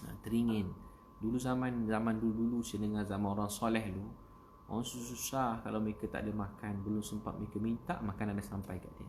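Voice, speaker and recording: A Malaysian man with a Malay accent speaks in a low voice, preaching casually over a phone livestream. He repeats short refrains and builds them into loud, emphatic exhortations. Steady background noise runs under the whole recording. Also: quick pace. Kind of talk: casual Instagram live religious talk.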